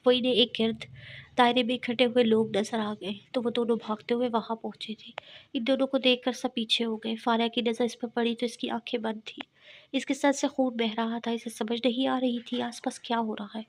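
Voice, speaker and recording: A woman narrating a romantic novel as an audiobook in a steady, even manner. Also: on the high side.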